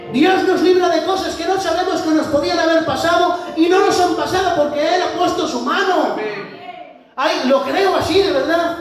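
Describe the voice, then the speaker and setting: A visiting preacher from Spain, a man with a very high voice, delivers a fervent sermon in a church hall, speaking straight to the congregation with impassioned intensity that rises into shouts. The hall is very echoey, he is far from the mic, and music plays behind him.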